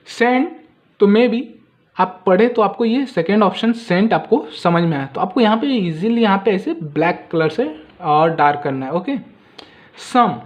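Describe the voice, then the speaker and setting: A man teaching an exam-prep lesson, asking pupils repeated questions and saying words slowly so they can copy the pronunciation. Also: high-pitched, darkish tone.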